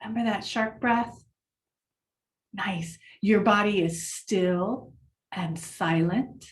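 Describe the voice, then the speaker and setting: A woman leading a children's mindfulness lesson, speaking gently and encouragingly to the class. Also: medium pitch, slow pace, far from the mic.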